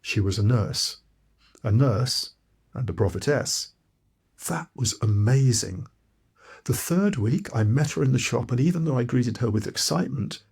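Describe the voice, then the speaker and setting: A man narrates his own story as an audiobook. His voice is husky and mid-pitched, and his delivery is earnest and reflective. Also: a little mellow. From Malawi. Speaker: author and narrator.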